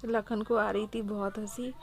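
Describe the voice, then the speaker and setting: A woman's voice: medium pitch, little pitch movement, a little slow. A woman narrating a casual recap of a family's vlog, chatty and full of fillers. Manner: chatty, filler-heavy storytelling with "to" and "matlab".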